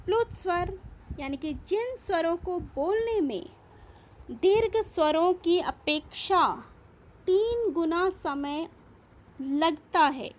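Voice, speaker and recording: A woman teacher giving a patient, step-by-step grammar lesson, explaining and repeating each point. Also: very high-pitched. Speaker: school teacher. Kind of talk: slow classroom grammar lesson.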